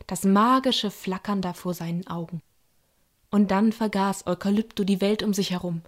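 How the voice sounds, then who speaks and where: A woman narrating a children's bedtime story in a calm, soothing way. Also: medium pitch. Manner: calm and soothing, voices characters lightly.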